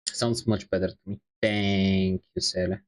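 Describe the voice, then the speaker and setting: Speaking through a wireless lapel mic with poor audio, a man with a low voice paints while live streaming. His tone is level and his pace measured as he chats casually and rambles in a self-deprecating way.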